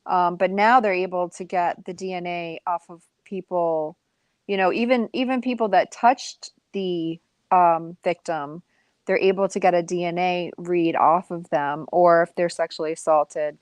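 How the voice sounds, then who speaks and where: Chatty low-voiced woman, dry sound. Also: fairly even intonation, measured pace, clear, resonant tone, no echo. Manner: chatty storyteller, many fillers. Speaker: live stream guest. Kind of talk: casual chat.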